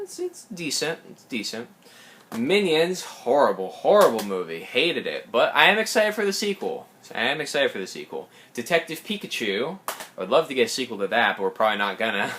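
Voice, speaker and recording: A young man talks casually while walking through the films on his shelves at home, tossing in quick asides and correcting himself. His voice is slightly hoarse and sits at an ordinary middle pitch. Faint clicking can be heard behind him. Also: fairly bright tone, slight background noise. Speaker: collector showing his films. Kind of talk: casual collection walkthrough.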